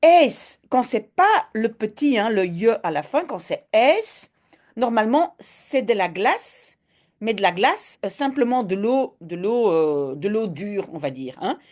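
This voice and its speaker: A woman language teacher reading a children's story aloud and then explaining grammar, in a slow, expressive, explanatory way. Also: medium pitch.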